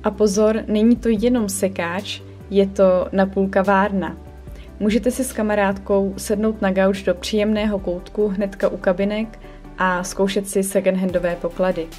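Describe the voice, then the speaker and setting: A woman's voice: medium pitch, little pitch movement, a little mellow. A young woman, a vlogger and shop owner, giving an upbeat, chatty scripted voice-over review. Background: faint background music.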